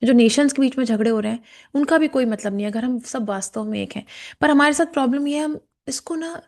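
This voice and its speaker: A woman teaching a guided meditation, explaining chakras in a calm, slow way and softly chanting devotional verses, sometimes in a whisper. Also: sits high. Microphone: camera and mic in front of her.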